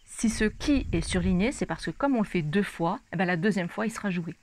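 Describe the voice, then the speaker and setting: A woman's voice: medium pitch, lively intonation, a little fast. A woman teaching a ukulele lesson, explaining chords step by step and speaking casually and directly to the viewer. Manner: casual, addresses the viewer informally. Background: ukulele playing.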